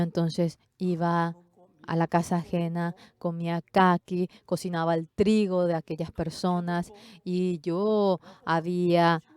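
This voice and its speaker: A woman with a somewhat low voice interprets a Sunday sermon from the pulpit. She speaks emphatically. Her voice jumps sharply upward whenever she drives a point home. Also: darkish tone, clear, resonant tone. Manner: emphatic, with pitch rising sharply on key phrases.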